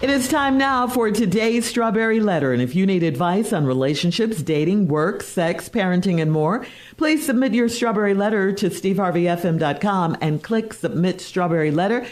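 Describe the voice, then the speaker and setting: Female morning radio DJ, medium pitch, measured and clearly phrased letter-reading. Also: lively intonation.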